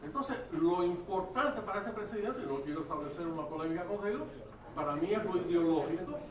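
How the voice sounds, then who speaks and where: A man in the audience making a long, insistent point, his voice high for a man and pushing toward emphasis. He is far from the mic in an echoing hall, with an audible crowd around him. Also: lively intonation, brisk. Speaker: audience member commenting. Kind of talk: impassioned audience comment. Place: conference hall. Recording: echoey hall from afar, crowd behind.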